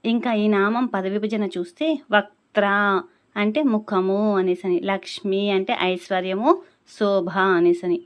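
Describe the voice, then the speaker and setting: Female chant teacher, mid-range voice, patient and deliberate, stretches syllables to demonstrate. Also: mid-range voice, highs cut off. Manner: slow, carefully drawn-out syllables when demonstrating; patient explaining tone. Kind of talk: spoken lesson on pronouncing a chant.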